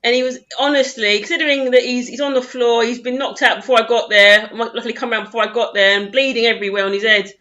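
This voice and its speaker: A young woman with a bright, forward voice pitched a touch high. She hosts the chat and tells a lively, laughing story. The sound is muffled, like a lo-fi stream. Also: fast, hardly any pauses. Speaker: host, club physio. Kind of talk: casual chat.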